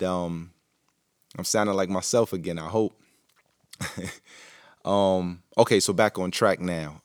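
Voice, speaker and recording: A man hosts his own podcast in a casual solo monologue, rambling reflectively with lots of fillers and restarts. His voice is deep, and the recording is dry and studio quality.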